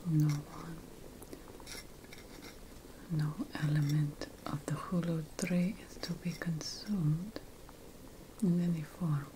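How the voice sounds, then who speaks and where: In a whispered ASMR fantasy role-play, a woman plays an ancient Sumerian witch priestess addressing her apprentice with a solemn warning. Her low, steady voice is breathy, grave and deliberate, with background noise audible.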